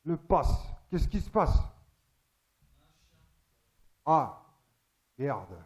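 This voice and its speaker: A male stand-up comedian talks on a theatre stage in a slightly high voice. He is chatty and crude, and he teases the audience. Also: big pitch swings, extremely slow.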